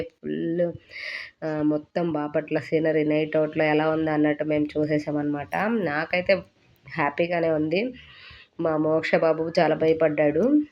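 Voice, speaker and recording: Woman in her 30s chatting over her family vlog clips, pretty flat even tone, kinda dull lo-fi sound. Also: deep voice. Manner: chatty, amused storytelling. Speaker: family vlogger, mother. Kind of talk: casual vlog voice-over narration. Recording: dull lo-fi recording.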